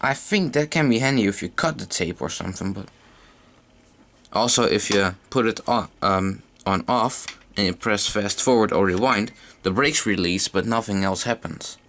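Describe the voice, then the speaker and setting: Recorded with noisy amateur camera sound full of clicks, a man casually talks through a hands-on demonstration of vintage audio gear, unscripted and a bit hesitant. He has a fairly low, slightly bright voice and speaks at normal speed.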